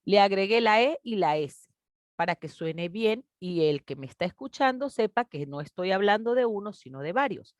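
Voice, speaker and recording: A woman teacher, patiently explaining a grade-school grammar lesson and stretching out example words slowly. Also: mid-range voice, expressive, no echo. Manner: patient, explanatory, addresses children warmly as "mis niños".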